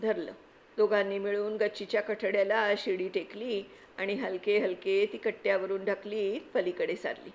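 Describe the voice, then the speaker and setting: A woman reading a children's adventure story aloud, with expressive, lively narration. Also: medium pitch, moderate pace, slight background noise, rough recording. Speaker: reader.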